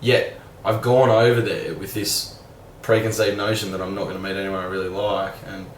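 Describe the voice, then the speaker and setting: A young male vlogger muses casually and candidly in a rambling monologue, his low voice barely moving in pitch at a normal speed. He leans on "like" as a filler and swears mildly. The recording sounds roomy, a bit far from the mic, with a faint hum behind him.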